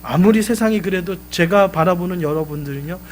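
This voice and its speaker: A male pastor preaching a live Sunday sermon, emphatic, swelling loud and then dropping low. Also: fairly quick, a little hiss or hum. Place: church sanctuary.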